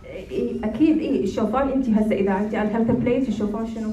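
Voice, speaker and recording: A woman's voice: on the high side, rapid-fire, dull audio, crowd noise. A woman with an Iraqi Arabic accent giving informal, instructive advice in answer to an audience question, often checking that she is understood. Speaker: nutrition expert answering questions. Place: room at a public talk, distant mic. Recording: roomy echo, far from the mic.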